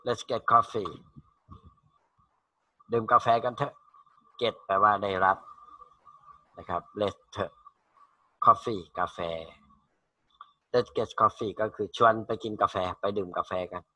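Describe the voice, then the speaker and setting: A man's voice: lowish voice, steady tone, takes it slowly, pauses often, bright, forceful tone, dry recording. A man teaching English to school students in an online class, reading short English phrases and then translating and repeating them in Thai.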